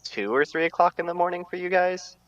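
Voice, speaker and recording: A man's voice: sits high, fairly quick, a bit bright, dull audio. A man playing in a tabletop game, chatting in an easygoing way over a voice call. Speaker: player. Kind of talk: casual chat during a tabletop game.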